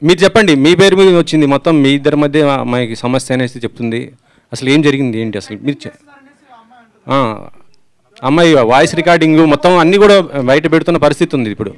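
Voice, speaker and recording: A man's voice: on the high side, lively intonation, fast, dry recording. A man, a reporter, pressing an actor with persistent questions at a press conference. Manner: pushy and persistent.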